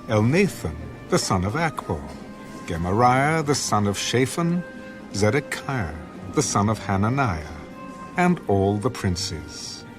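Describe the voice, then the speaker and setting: Music plays clearly behind a man reading scripture from a script. His voice is on the low side, and his formal delivery comes in measured phrases with lively, expressive intonation.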